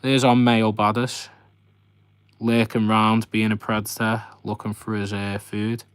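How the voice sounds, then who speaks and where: A man with a lowish, smooth voice hosts a casual fishkeeping live stream, showing off his tanks. He speaks flatly and without hurry, rambling and chatting directly to his viewers, with no room sound in the recording.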